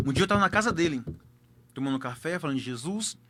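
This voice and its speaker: A man's voice: a little high, lively intonation, fast talker, bright, forceful tone. A man with a Brazilian accent, a pastor telling a personal testimony emphatically and repeating key words for effect.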